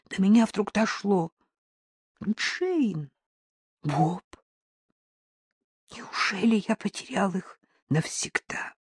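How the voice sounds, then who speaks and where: A woman reading an audiobook aloud, narrating in the first person as a dog, with expressive, dramatic storytelling. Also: medium pitch, husky, no echo, clean studio sound. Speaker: audiobook reader.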